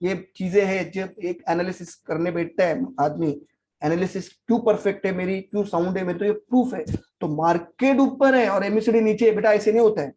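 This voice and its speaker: A man's voice: sits high, a little fast, darkish tone, a little hiss or hum. A man giving a casual stock market lesson, bluntly scolding the chart as he walks through it. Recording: slightly dull lo-fi recording.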